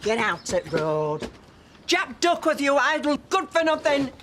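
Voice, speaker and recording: An actress playing a blunt, teasing working-class wife in a TV soap. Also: female voice, lowish voice, big pitch swings, takes it slowly, slight background noise, exaggerated voice. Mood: scolding. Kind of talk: soap opera acting.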